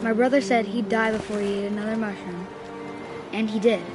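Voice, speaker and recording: A woman's voice: mid-range voice, steady tone, a little fast, over music, lightly acted. A woman playing a child who narrates memories of a stubborn twin, in a wistful, scripted storytelling style. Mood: wistful, reflective.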